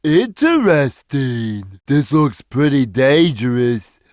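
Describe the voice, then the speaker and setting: A man voicing a big, gentle, slow-witted cat in a video game, with a simple, childlike, drawn-out delivery. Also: mid-range voice, very animated, no room sound, studio quality. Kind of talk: video game character voice lines.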